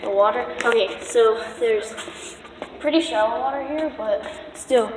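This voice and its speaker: A woman's voice: fairly high pitch, unhurried. Nervous young woman vlogging in echoey tunnel. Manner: nervous, jumpy, slangy. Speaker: vlogger exploring tunnels at night. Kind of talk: casual night exploration vlog. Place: inside an underground tunnel at night. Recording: echoey tunnel, noisy, handheld camera.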